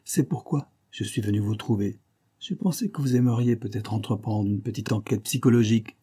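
Reading an audiobook, a man plays a gruff, boastful police commissioner getting on in years, speaking loudly and emphatically with sardonic bite. His lowish, dark voice moves a little fast.

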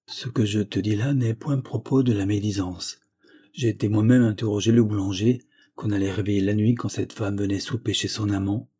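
A man's voice: lowish voice, steady tone, moderate pace, mellow, slightly rough. A man reading the lines of a frail, pious old grandfather who tenderly pleads with his granddaughter. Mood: earnest. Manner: earnest, tender entreaty.

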